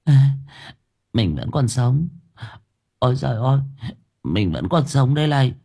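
A man voicing a fussy, easily frightened effeminate man who wails high exclamations in an audio story. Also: sing-song, a little slow, gravelly, warm tone, husky, exaggerated voice. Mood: dazed.

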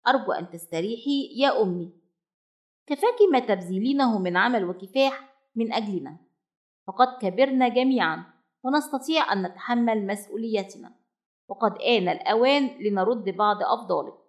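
Picture a small hungry bird chick from a children's storybook, eager and a little pleading, his voice sitting fairly high. He talks with earnest, childlike determination, as a woman narrator puts him on. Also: a little fast, muffled recording, close to an everyday voice.

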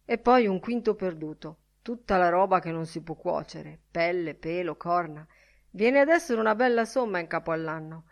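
A woman narrating a literary audiobook with a calm, varied delivery. Her voice sits slightly low for a woman. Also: normal speed.

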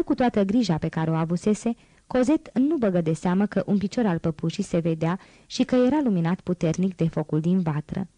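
A woman narrating an audiobook in a steady, expressive literary reading style. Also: mid-range voice, no echo, poor audio.

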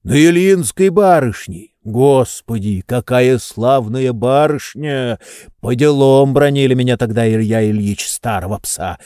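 A man's voice: mid-range voice, measured pace, dark tone, dry recording, clean studio sound, close to an everyday voice. A man voicing a wheezy, fawning old male servant in a storybook reading.

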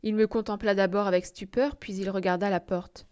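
A woman narrates a classic short story as an audiobook reader. Her delivery is measured and expressive, unhurried and clear. Her voice sits at an ordinary middle pitch.

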